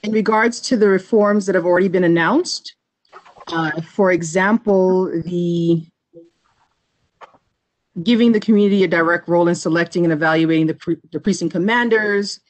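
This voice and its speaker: A woman's voice: fairly low pitch, moderate pace. Polite woman community board member asking. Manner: polite, probing. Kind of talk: asking questions at a public meeting. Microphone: video call.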